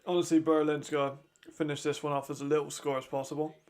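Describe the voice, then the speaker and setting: A man's voice: a little high, flat delivery, quick pace, a little mellow. A man giving casual, chatty live commentary while watching a football game, laughing often and trailing off mid-thought.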